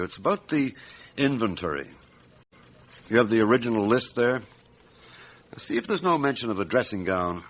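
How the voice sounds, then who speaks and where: A man playing a calm, middle-aged French police chief inspector in a radio drama, speaking in a measured, deliberate, matter-of-fact way. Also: mid-range voice. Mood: businesslike.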